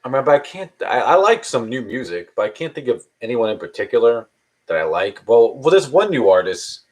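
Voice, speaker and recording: With a brisk, sing-song delivery in a mid-range voice, a thirty-something man chats on a live stream. He stumbles through viewer questions, rambling and starting over again and again.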